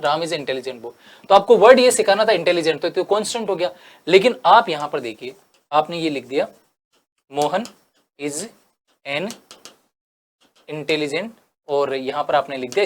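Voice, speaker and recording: A male teacher from India giving an exam-prep lesson. He reads English options slowly, then explains them with rhetorical questions. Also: on the high side.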